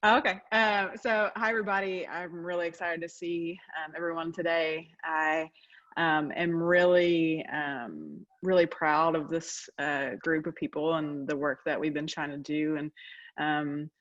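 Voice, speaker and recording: A woman's voice: deep voice, steady tone, a little slow, a bit bright, lo-fi sound. A woman from North Carolina, a professor, moderating a video call with a hesitant manner and many ums. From North Carolina, United States.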